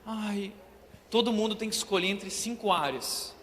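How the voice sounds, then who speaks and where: A woman's voice: medium pitch, normal speed, fairly bright tone, lightly acted. A man voicing an insecure teenage girl who whimpers and hesitates, in a reverberant church hall. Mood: whiny unsure.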